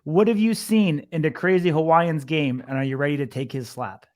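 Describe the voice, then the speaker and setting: A man's voice: fairly high pitch, brisk, a little mellow. A man working as an interviewer, asking long, rambling questions in a conversational sports interview style.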